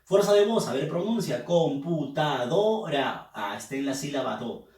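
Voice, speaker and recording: A man patiently drills young students on syllables in a classroom lesson about accent rules, asking them to pronounce each word. His mid-range voice is sing-song, a little fast, and darkish in tone, heard from a distance with a roomy echo.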